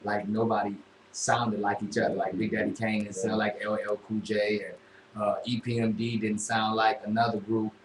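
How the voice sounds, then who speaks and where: A man hosting a casual interview on an internet radio show, talking in a relaxed, drawling way with many fillers. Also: fairly low pitch, normal speed, a crowd in the background. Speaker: radio host. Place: radio studio room. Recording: echoey room, faint noise.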